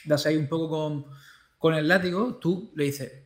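A man who teaches school, talking casually with an animated way of acting out what he says to his pupils. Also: on the high side, moderate pace, roomy sound. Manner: animated, acts out quoted speech to pupils. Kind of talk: casual conversation.

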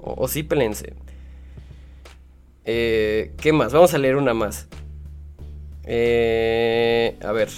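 A man with a Mexican accent hosting a podcast, reading listener stories aloud and rambling in a joking, self-mocking way. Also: medium pitch. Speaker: podcast host.

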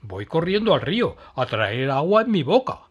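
A man's voice: a little high, sing-song, moderate pace, breathy edge, voice pushed up. A man voicing a kind, helpful crocodile with a huge mouth. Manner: helpful, eager.

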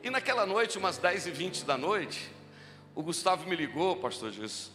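A man preaching a sermon at a church event in Brazil, with a deep, strong voice, telling stories and repeating key lines as he builds to fervent exhortation. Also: big pitch swings, normal speed, pushed and bright. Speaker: pastor. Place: large church hall. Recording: live church recording with long reverb and music.

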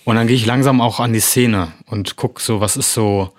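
A man's voice: medium pitch, fairly even intonation, moderate pace. A man who works as an actor, talking casually about preparing roles and rambling through many fillers and restarts. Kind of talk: casual chat.

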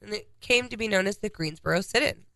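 A stuffed-up woman co-hosts a casual podcast, running through a list of dates and events. Her voice is bright with a gravelly edge. It is recorded close and dry. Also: medium pitch, quick pace, dry recording. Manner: reads out a history timeline of dates. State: congested. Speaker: podcast co-host.

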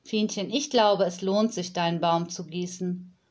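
Storybook part: a woman reading a gentle nanny, patient and unhurried. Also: on the low side, steady tone. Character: calm whimsical woman nanny.

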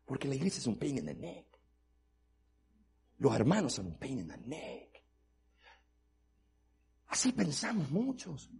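A male pastor preaching a sermon, mixing Spanish and English, moving from quiet storytelling to loud, fervent preaching. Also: mid-range voice, huge pitch swings, unhurried, gravelly, pauses often, breathy edge. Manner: switches between Spanish and English.

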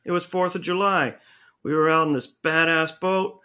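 A woman voicing a laid-back male cat in a much lower, drawling voice, full of slang. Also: steady tone, normal speed, pushed and bright, clear, resonant tone.

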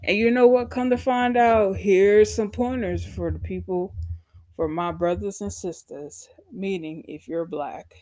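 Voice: medium pitch, fairly even intonation, measured pace, dark tone, no room sound, studio quality. A podcast host telling a personal story as a profane rant, sarcastic and blunt, acting out past conversations and speaking straight to listeners. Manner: sarcastic, addresses listeners directly.

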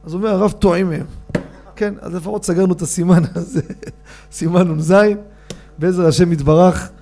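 A man, a rabbi, giving an informal Torah lesson, animated and addressing his listeners with questions as he reads out rulings. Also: fairly high pitch. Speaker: rabbi teaching a Torah class.

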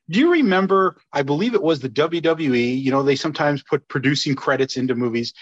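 A man's voice: fairly high pitch, lo-fi sound. A man hosting a casual chat show in a jokey, informal way. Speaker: show host.

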